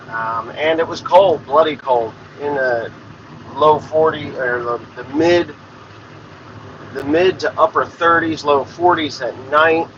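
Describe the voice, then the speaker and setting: A farmer in his forties hosts his own podcast from inside a vehicle, rambling casually in a plain-spoken way and swearing freely. His medium-pitched voice is bright and forceful, though the audio is dull with slight background noise.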